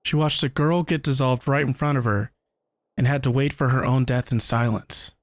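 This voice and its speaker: A man's voice: mid-range voice, fairly even intonation, moderate pace, no room sound. Male streamer reading aloud, close and dry. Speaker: game streamer. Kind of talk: reading game text aloud dramatically.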